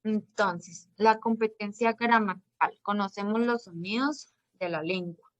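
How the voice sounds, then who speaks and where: A woman teacher lectures in a measured, explanatory way, sometimes pausing with small hesitations. Her voice sits at a middle pitch. The recording is dry, with no room sound. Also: no echo, highs cut off. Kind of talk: classroom lecture.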